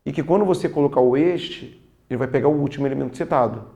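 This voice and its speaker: A man with a Brazilian accent teaching a casual online grammar lesson for exam prep, often slowing down to stress key points. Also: mid-range voice, gravelly, dark tone, muffled recording. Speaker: Portuguese teacher.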